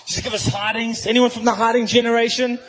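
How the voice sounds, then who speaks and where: A man's voice: extremely high pitch, flat delivery, fast, a crowd in the background, poor audio. A man from doing stand-up, wry and self-mocking about his background. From South Africa. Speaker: stand-up comedian. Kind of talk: stand-up comedy set. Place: comedy stage before a live audience.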